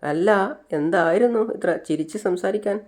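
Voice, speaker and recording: A woman's voice: fairly low pitch, fairly quick, warm tone, natural voice. A narrator retelling a TV serial scene, voicing a jealous, possessive young woman who scolds sharply. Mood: jealous scolding.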